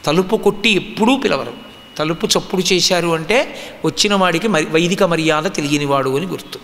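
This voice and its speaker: A man's voice: on the high side, brisk, a bit bright, slight background noise. A man from the Andhra region giving a religious discourse, teaching emphatically and asking rhetorical questions. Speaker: spiritual discourse speaker. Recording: long hall reverb.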